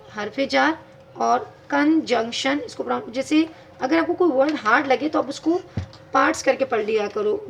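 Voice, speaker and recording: A woman's voice: high voice, vocal fry, slight background noise. A woman teaching English grammar in a video lesson, patiently explaining step by step and spelling words out letter by letter.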